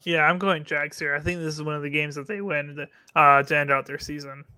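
Bright, clear male sports panelist, fairly high. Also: steady tone, brisk, no room sound. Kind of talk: casual sports talk.

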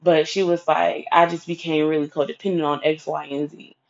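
A woman's voice: low-pitched, flat delivery, fairly quick, vocal fry. Blunt, sassy woman ranting advice. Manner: blunt, sassy, heavy swearing. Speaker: advice vlogger. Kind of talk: casual profane advice rant. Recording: dull lo-fi recording.

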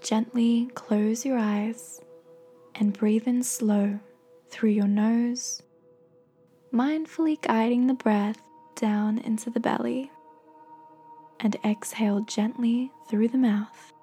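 A woman with a soft, breathy voice gently and slowly guiding a meditation in soothing, encouraging scripted narration. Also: on the high side, fairly even intonation, faint music behind. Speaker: guided meditation host.

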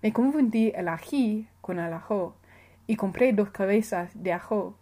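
This is a writer reading her own personal essay in a careful, measured way, fixing small slips as she goes. Her voice is mellow and mid-range.

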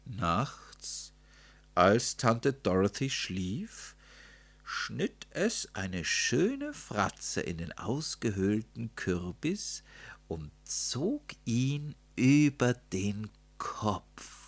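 Man, storyteller, children's tale, low voice, animated, slow. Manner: expressive, dramatic rises and drops. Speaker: narrator.

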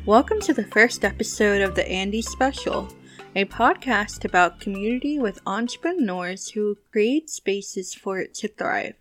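Podcast host, woman, friendly scripted intro, mid-pitched voice, faint music underneath. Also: expressive, unhurried, fairly bright tone.

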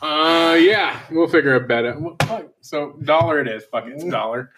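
A man's voice: a little high, moderate pace. A man co-hosting a casual sports podcast, joking crudely, laughing often and throwing trash talk. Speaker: podcast co-host. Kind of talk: casual profane sports chat. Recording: distant mic, faint background noise.

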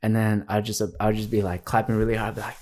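A young man in casual conversation, telling stories animatedly, acting out quotes loudly and swearing freely. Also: fairly low pitch, completely flat delivery, quick pace. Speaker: guest, video editor. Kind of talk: casual podcast chat.

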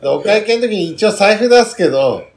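A man chatting on a podcast with a fairly high, very lively voice that leaps up and down. He laughs often and jokes playfully. The room has a noticeable echo. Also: moderate pace. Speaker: podcast host. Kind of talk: casual chat.

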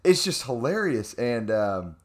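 A young man telling a travel story in casual chat, animated, with many fillers and restarts. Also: medium pitch, measured pace.

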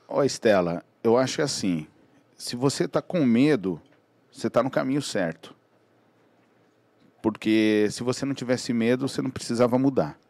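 A man's voice: medium pitch, unhurried, long pauses, no echo. A man, a podcast guest telling anecdotes in casual chat and acting out the voices of people he quotes. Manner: animated, acts out quoted dialogue.

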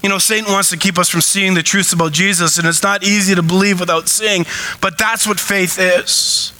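A man preaching a sermon from the pulpit, animated and acting out shouted cries as he retells a story. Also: sits high, normal speed, poor audio. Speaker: pastor.

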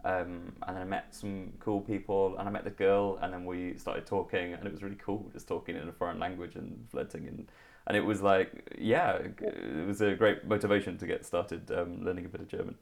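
With vocal fry and a deep voice, this man speaks fairly quickly in a flat delivery. He's a thirty-something comedian from Liverpool, England, with a Liverpool accent, a casual interview guest prone to ums and restarts.

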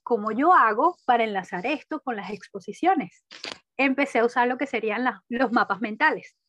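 Animated woman telling her story, high voice. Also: normal speed, slight background noise. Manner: animated, laughs often, acts out her own inner voice. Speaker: guest. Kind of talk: personal storytelling in conversation.

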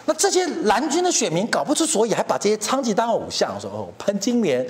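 A man's voice: high-pitched, huge pitch swings, fast talker. Heated, mocking man. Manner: mocking, heated, keeps asking "you know?". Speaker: political commentator. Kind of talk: ranting political commentary.

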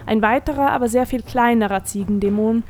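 A woman reading a fantasy story aloud as narrator, in a measured, expressive storytelling manner. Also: fairly high pitch. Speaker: audiobook narrator. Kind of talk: scripted narration.

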